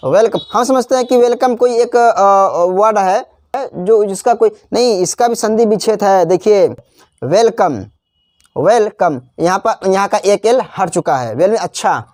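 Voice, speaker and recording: A man teaching a spelling lesson. He spells out letters slowly, repeats each example word, and slips into chatty asides. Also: high voice, a little mellow, dry recording, studio quality. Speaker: English teacher. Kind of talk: classroom-style spelling lesson.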